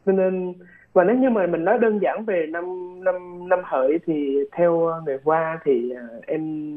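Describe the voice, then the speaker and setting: A man explaining things in a casual chat, hesitant and repeating words. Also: fairly high pitch. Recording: phone-like radio line.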